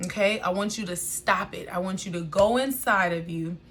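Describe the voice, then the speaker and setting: A woman's voice: medium pitch, normal speed, a bit bright, a little hiss or hum. Emphatic American woman giving spiritual guidance. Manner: emphatic, exhorting, repeats phrases and checks in with listeners; familiar, addresses listeners as family and y'all. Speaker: spiritual reader and online guide. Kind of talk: informal spiritual message to viewers.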